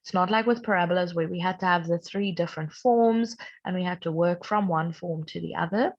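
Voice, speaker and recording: A young woman maths teacher who is sick and strained, patiently explaining a recorded lesson and clearing her throat often. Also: fairly low pitch, fairly quick. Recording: dull lo-fi recording.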